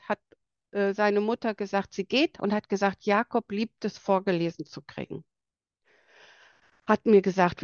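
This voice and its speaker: A woman with a light, bright voice giving an earnest presentation about palliative care for children, pausing now and then to search for words. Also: mid-range voice, dry recording, highs cut off. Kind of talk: presentation to an audience.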